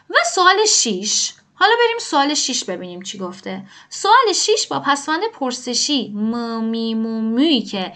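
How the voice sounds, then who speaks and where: A woman with a high, bright voice teaches a grammar lesson one step at a time. She patiently asks questions aloud and then answers them herself, explaining each rule as she goes. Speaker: language teacher.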